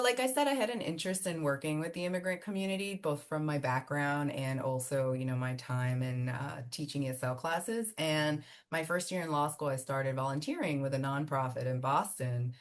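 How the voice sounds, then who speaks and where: A woman from Miami whose first language is Spanish, an immigration attorney answering interview questions in a chatty, animated way with fillers and laughs. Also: deep voice. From Miami, United States. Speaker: immigration attorney and law firm founder.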